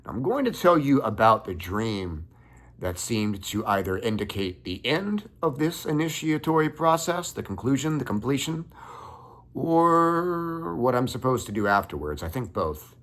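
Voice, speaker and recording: A young man calmly recounting a dream in a measured first-person story. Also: mid-range voice. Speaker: occult content creator.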